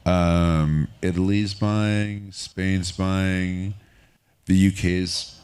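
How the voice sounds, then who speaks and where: A man from France speaking as a guest on a festival stage, candid and relaxed, talking in loose rambling bursts. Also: deep voice, very slow, smooth. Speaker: film finance executive, keynote guest. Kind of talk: onstage conversation. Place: stage at a film festival market.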